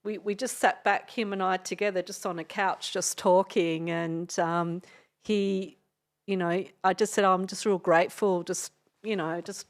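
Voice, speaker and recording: A woman's voice: lowish voice, steady tone, normal speed. A middle-aged Australian woman, a DJ and radio host, telling a story in a casual podcast interview, rambling with frequent hesitations and laughs.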